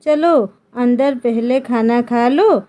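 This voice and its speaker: A woman voicing a young man as a gentle, worried husband in a storybook romance. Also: on the high side, slow pace. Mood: tender concern. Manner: gentle, coaxing.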